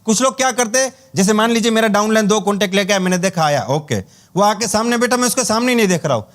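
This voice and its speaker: A man's voice: sits high, lively intonation, quick pace, a bit bright. A man giving a humorous network marketing training talk, telling stories with acted-out dialogue and chuckles.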